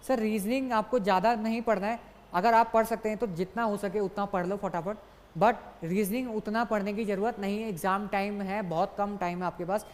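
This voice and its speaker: A young man gives an exam-prep lecture in a brisk, coaxing way, calling his students "sir" again and again and hammering key points through repetition. His voice carries a long, lingering reverb, as if recorded in a large hall. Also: high voice. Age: young adult. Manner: repeats key points for emphasis. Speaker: exam tutor.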